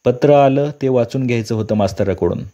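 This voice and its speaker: A man's voice: mid-range voice, fairly quick, mellow, muffled recording, lightly acted. A man voicing a humble, illiterate village father in a read-aloud story, asking politely for help. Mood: pleading.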